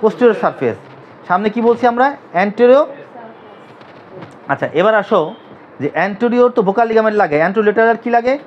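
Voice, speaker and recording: Guy from bangladesh teaching anatomy, fast, keeps asking students to repeat stuff, bit of faint hum behind. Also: high-pitched. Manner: drills students with repeated questions. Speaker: physiotherapy teacher. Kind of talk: classroom anatomy lecture. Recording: dull lo-fi recording.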